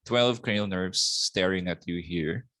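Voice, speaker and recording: A middle-aged man with a Filipino accent giving a slow anatomy lecture, often ending points with a questioning "no?". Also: low-pitched, bright, forceful tone, no echo. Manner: slow, repetitive teaching with tag "no?". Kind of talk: recorded lecture.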